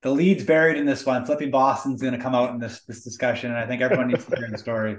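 A man hosting a podcast, asking loosely phrased questions in a relaxed, conversational way. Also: mid-range voice, quick pace, reverberant. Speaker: podcast host. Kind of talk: casual interview chat.

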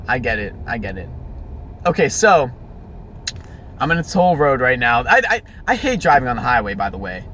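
High-voiced young American man, noisy phone recording. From Pittsburgh area, United States. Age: young adult. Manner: scattered, self-interrupting, exclaiming. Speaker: podcast host. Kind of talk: casual rambling chat to listeners while driving. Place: inside a moving car on a highway. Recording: phone voice recorder, loud highway car noise. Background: clear road and traffic noise.

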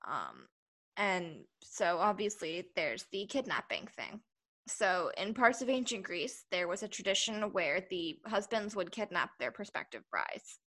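A woman's voice: lowish voice, big pitch swings, measured pace, pushed and bright. A woman hosting a history podcast, explaining carefully and hedging her claims. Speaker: podcast host. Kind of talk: podcast discussion.

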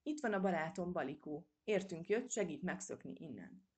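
A woman's voice: on the low side, animated, a little mellow, husky. A woman voicing a spirited young male mouse adventurer who gives orders eagerly and impatiently.

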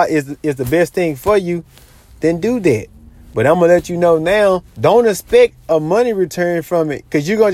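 Brief: man with a high voice, recorded close and dry, casually and repetitively lecturing about money. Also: darkish tone, no room sound. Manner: repetitive, lecturing, says "you know what I'm saying" a lot. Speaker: money advice vlogger. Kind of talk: casual advice monologue.

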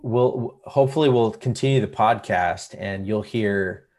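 A man's voice: on the low side, measured pace, darkish tone. A man co-hosting a podcast, talking reflectively and hesitantly over a remote call. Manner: reflective, hesitant, many fillers and restarts. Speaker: podcast co-host. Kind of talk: casual podcast chat. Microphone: remote call recording.

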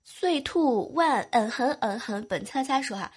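Young woman w a cold reading out fan messages, teasy and coy, kinda high voice, soft music under it. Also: expressive, unhurried, husky. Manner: playful, teasing, coy. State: has a cold, sore throat. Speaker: podcast host. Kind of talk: reading out listener messages, casual chat.

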